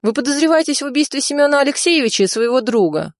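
A woman voicing a cowardly, greedy male official who talks in a shrill, frantic way, in a storybook reading. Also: animated, fast talker, dry recording, clean studio sound. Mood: wary.

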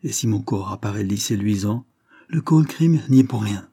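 A man's voice: on the low side, expressive, normal speed, mellow, slightly rough, no echo, studio quality. A man voicing an earnest, proud young boxer of simple mind, in a read-aloud story. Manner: earnest, proud of his strength.

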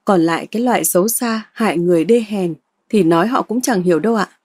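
A woman voicing a bold, sharp-tongued young woman who trades scornful retorts. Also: medium pitch, quick pace, husky, dry recording, clean studio sound, natural voice.

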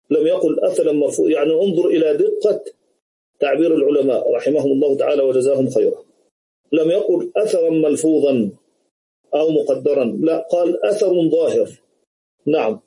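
Man, grammar teacher, fairly high pitch, very dark mellow tone, slow repetitive explaining, video call. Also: rough recording. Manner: repeats key words, slow explanatory delivery. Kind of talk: online grammar lesson.

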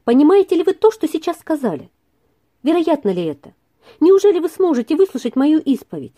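A woman reading aloud and voicing a gentle young man who speaks earnestly and with trembling feeling. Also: high-pitched, very animated, fairly quick, voice pushed up. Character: gentle young male tutor in love.

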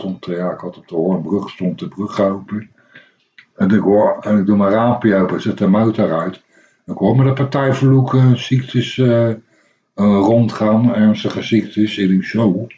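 A man's voice: on the low side, mellow. A middle-aged man, hosting a radio show and telling a long, rambling everyday story with many hesitations and restarts. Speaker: radio host. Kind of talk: casual anecdotal radio chat. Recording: dull lo-fi radio recording.

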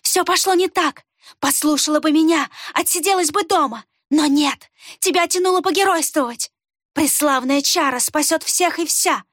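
A woman's voice: high-pitched, animated, very slow, hardly any pauses, dry recording, studio quality, pitched above the performer's own voice, heavily acted. A woman reading an audiobook voices a cunning female fox killer who speaks venomously and sneers. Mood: venomous fury. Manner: hissing, spiteful, sneering.

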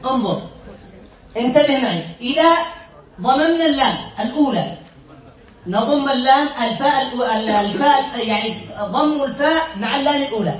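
A man's voice: extremely high pitch, lively intonation, brisk, a bit bright, echoey room, poor audio. A man teaching a classroom lesson, quizzing his students, repeating points and correcting himself with a chuckle. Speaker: sheikh teaching Arabic morphology.

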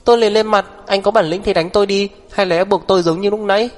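A man voicing a sulky, tearful young woman who shouts back in shrill, defiant outbursts, in an audiobook. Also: steady tone, fast talker, long reverb tail, soft background music, natural voice. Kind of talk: audiobook character voice.

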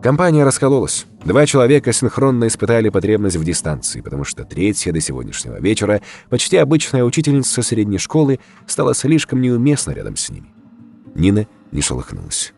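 A man narrating a horror story for an audiobook in a dramatic, expressive way. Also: fairly low pitch, fast, gravelly.

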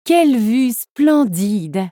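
A gentle visiting queen from a storybook, speaking slowly and graciously, voiced by a woman narrator. The sound is dry and close. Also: on the high side, big pitch swings, no room sound, full character voice. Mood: admiring.

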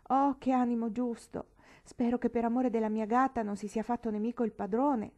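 A woman voicing a grateful old cottager woman who talks in high, loud exclamations, in an audiobook reading. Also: fairly even intonation, brisk, dull audio, natural voice. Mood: effusive.

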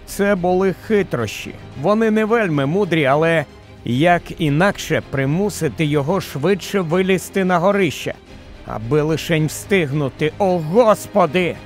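A man giving an expressive, tension-building narration of a short story. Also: a little high. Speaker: audiobook narrator. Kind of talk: dramatic audiobook narration.

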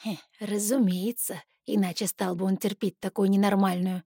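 A woman's voice: mid-range voice, steady tone, a little fast, creaky, dark tone, slightly rough, no echo. A woman voicing a grumpy, sarcastic male captain who mutters dry, sneering remarks.

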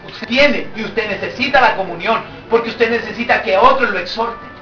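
A man preaches to his church in a high, ringing voice, joking with the congregation and building up to shouts. The sound is roomy and picked up from a distance, with soft music behind him. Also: normal speed, highs cut off. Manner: lively preaching, jokes with congregation, rises to shouts. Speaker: pastor. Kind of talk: sermon. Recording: echoey church hall, from far off.

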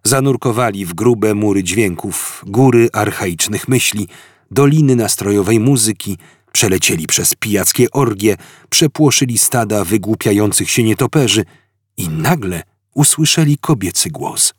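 A man reading an audiobook in an expressive, animated style. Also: on the low side, normal speed, breathy edge, no room sound, clean studio sound. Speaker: audiobook narrator. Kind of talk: audiobook narration.

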